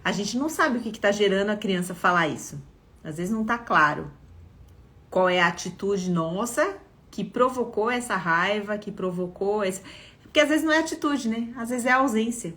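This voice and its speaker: A middle-aged woman with a Brazilian Portuguese accent speaks at a medium pitch, giving parenting advice on a live stream. She keeps it conversational and keeps checking in with her listeners as she tells her story. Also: lively intonation, moderate pace, a bit bright. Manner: conversational, frequent "né?" and "tá?" check-ins. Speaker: parenting educator.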